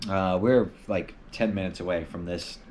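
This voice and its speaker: A man's voice: low-pitched, normal speed, a little mellow, a little hiss or hum. A man hosting a casual live stream from home, answering viewer questions in a loose, rambling way with lots of filler words.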